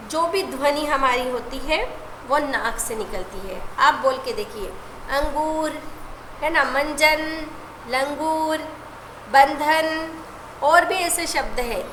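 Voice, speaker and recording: A woman's voice: high voice, moderate pace. A woman teacher giving an online class lesson, explaining patiently and often checking in with short tag questions. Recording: echoey room with steady background noise.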